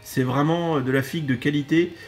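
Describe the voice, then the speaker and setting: A man's voice: fairly high pitch, steady tone, brisk, faint music behind. Man chatting casually through a toy review. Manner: repeats his phrases. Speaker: co-host reviewing a toy set. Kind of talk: casual chat, product review.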